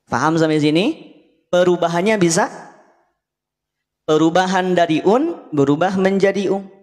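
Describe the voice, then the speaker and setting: A man's voice: high-pitched, normal speed, a little mellow, in a large hall. A man teaching Quran recitation in a live online lesson. He patiently checks that viewers understand and chants the sounds himself to demonstrate them.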